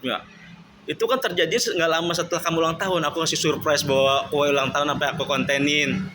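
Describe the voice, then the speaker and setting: A man's voice: a little high, level tone, fast, noisy background. A man telling his side of a marriage dispute in an aggrieved, repetitive monologue. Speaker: husband telling his story. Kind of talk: emotional monologue.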